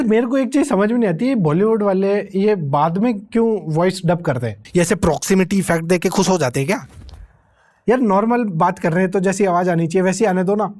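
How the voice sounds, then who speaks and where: A young man with a notably high-pitched voice tears into a film in a comedic review rant. He rambles from scene to scene, sarcastic and incredulous at every turn. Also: a little mellow. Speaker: movie reviewer.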